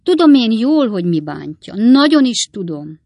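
A woman's voice: sing-song, darkish tone, no room sound, studio quality. A woman playing a knowing, pitying lodger lady. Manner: high, emphatic.

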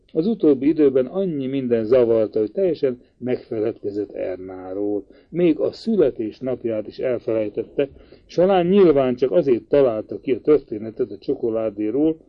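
A man narrates a classic novel in a measured, even voice of middle pitch. The recording sounds slightly dull. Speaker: audiobook reader. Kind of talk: literary narration.

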